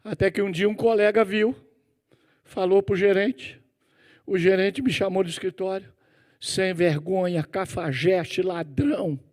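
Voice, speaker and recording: A man's voice: sits high, steady tone, moderate pace, darkish tone. A middle-aged pastor from Brazil preaching in a church, telling a personal story with sound effects and turning to question his congregation.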